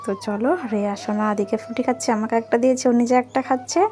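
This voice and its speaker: A woman's voice: a little high, steady tone, fast talker, warm tone. A woman, a mother chatting to her viewers in a casual family vlog at home. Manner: chatty, addresses viewers directly. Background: background music.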